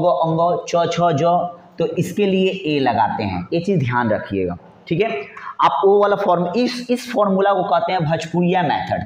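A man teaches an exam-prep grammar lesson in a fairly high voice. He coaxes students along, asks questions and answers them himself, repeating every point. The sound is echoey and dull, like a lo-fi recording in a bare room. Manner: repetitive, coaxing, asks and answers own questions.

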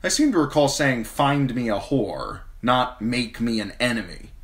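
A man's voice: medium pitch, animated, a little slow, fairly bright tone, voice pushed up. A man doing a sardonic dwarf lord, raised and dry. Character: sharp-tongued male dwarf lord, dry wit.

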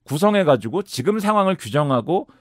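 The man's pitch is fairly high and his pace a little fast, with no echo in the audio. Invited as a political commentator in a studio discussion, he explains his points step by step, analytically, with an explanatory and lively manner marked by sudden rises and drops.

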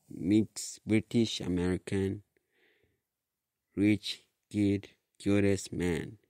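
Slow gravelly man reading a story. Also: deep voice, darkish tone, no room sound, studio quality. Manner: slow, halting reading with restarts. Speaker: author reading his book. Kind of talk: storybook narration.

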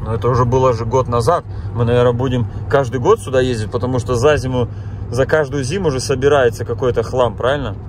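This vlogger is a fast talker with a medium-pitched voice and fairly even intonation, chatting casually with viewers while driving through town and often exclaiming at what he sees. He was born in Kazakhstan, has lived in Germany, and speaks Russian with an accent from both places; there's a little hiss or hum.

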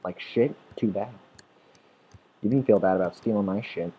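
A man's voice: fairly low pitch, normal speed, slightly rough, muffled recording. A man giving rambling, swear-filled commentary while playing a game, talking at the monsters and restarting his sentences. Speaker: gameplay commentator. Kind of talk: rambling let's-play commentary. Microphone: desktop or headset mic.

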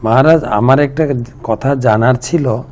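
A man's voice: medium pitch, a little slow, a little mellow. A man, a monk who reads out devotees' questions and answers them with homely examples in a devotional talk.

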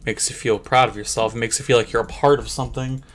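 A young man giving crude, jokey commentary over a game, jumping into squeaky high voices. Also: steady tone, fast. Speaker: gameplay commentator. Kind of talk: comedic let's play commentary.

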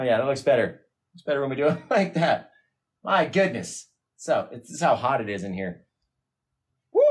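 A man hosting a live painting stream, chatting casually and answering viewer comments. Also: mid-range voice. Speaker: painting livestream host. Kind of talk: casual livestream chat. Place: home studio, hot room.

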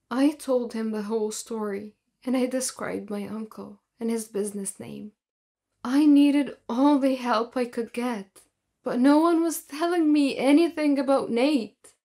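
Brief: female storyteller, first-person narration, slightly high voice, earnest and plain. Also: warm tone.

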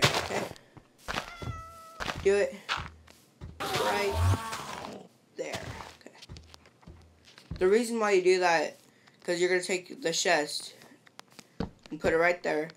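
A woman's voice: lowish voice, gravelly. A woman giving patient, step-by-step game-building instructions. She keeps checking in with "see?" and "perfect". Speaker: game tutorial maker. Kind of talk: step-by-step game tutorial voice-over. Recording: noisy home recording with clicks.

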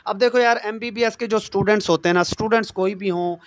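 High-voiced Pakistani Urdu man teaching. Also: steady tone, quick pace, no echo. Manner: chatty, addresses students directly, memory tricks. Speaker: teacher for competitive exams. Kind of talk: casual classroom lecture.

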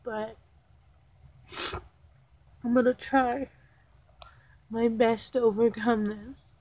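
A woman on the verge of tears talks straight to her viewers, her slightly high voice slow and halting. The home recording is dry and dull, with a muffled lo-fi sound. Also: flat delivery. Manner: slow, halting, soft-spoken. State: tearful, holding back crying. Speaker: vlogger. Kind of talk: emotional personal confession to viewers.

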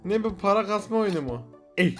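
A young man doing casual let's-play commentary, excitable, laughing often and shouting in frustration. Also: high voice, fairly quick. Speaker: gaming youtuber. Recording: faint game music behind.

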